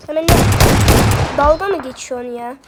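A woman streaming gameplay in casual chat, excitably coaxing and scolding game characters and apologizing to her viewers. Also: sits high, a little fast, heavy background noise. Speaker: gaming streamer. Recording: loud game gunfire behind voice. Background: loud game gunfire and clicks.

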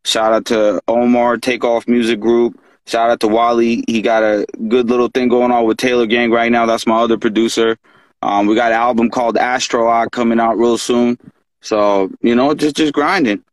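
A man from Pakistan chats easily as a guest, his voice sitting at an ordinary middle pitch. He talks in a relaxed, easygoing way, and the sound is dry and close, coming over a video call. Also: moderate pace, dry recording, poor audio. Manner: relaxed, easygoing, says "you know" and "man" often. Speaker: rapper guest. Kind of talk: casual chat on a livestream.

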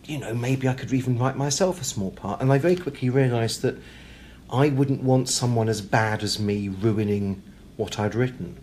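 In this casual interview, a talkative British guest pokes fun at himself, stumbling over and repeating words. His voice is medium-pitched and darkish, at a normal speed, and room ambience and background noise come through clearly.

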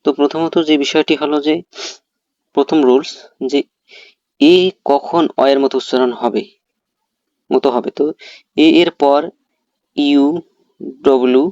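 A man teaching English pronunciation explains the rules one step at a time, questioning himself and then giving the answers. His mid-range voice is a little mellow. The recording is muffled, with no room sound.

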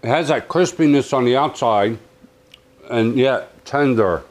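A man reviewing a kitchen oven in a home kitchen, chatting excitedly with viewers. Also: mid-range voice, measured pace. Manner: exuberant, chatty, calls viewers "my friends" and "baby". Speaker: cooking appliance reviewer. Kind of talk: casual cooking review.

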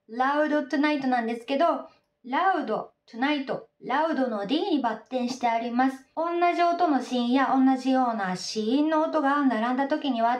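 A high-voiced woman leads a pronunciation lesson for singers and explains each point calmly. She sings lines slowly between her explanations. Her voice sounds a little far from the mic, in an echoing room. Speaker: singing and pronunciation teacher. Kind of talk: slow sung pronunciation lesson. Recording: roomy echo, voice off-mic.

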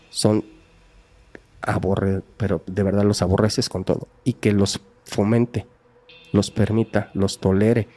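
A man's voice: on the low side, warm tone. A man with a Mexican accent, a podcast guest, earnestly telling a true crime case in casual talk and acting out the people in it. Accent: Mexican Spanish. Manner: earnest, acts out quoted voices in the story.

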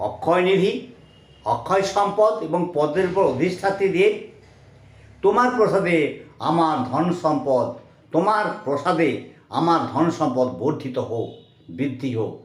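A man teaching mantras, chanting them slowly and then explaining their meaning word by word. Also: a little high, roomy sound. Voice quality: slow drawn-out chanting alternating with quick explanation.

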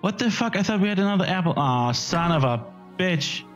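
A man's voice: sits high, lively intonation, brisk, a bit bright, lo-fi sound, soft background music. A man hosting a let's-play, giving casual, crude running commentary full of swearing and jokes. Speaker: gaming channel host.

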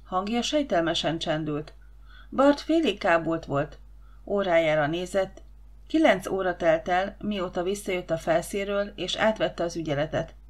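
Woman narrating a sci-fi audiobook, steady measured reading. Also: on the low side.

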